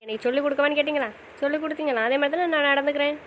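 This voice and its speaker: A woman acts out an audio drama in a pleading, questioning manner. Her voice is high and her delivery quick, with faint noise behind it. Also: low-quality recording. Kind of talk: casual audio drama acting.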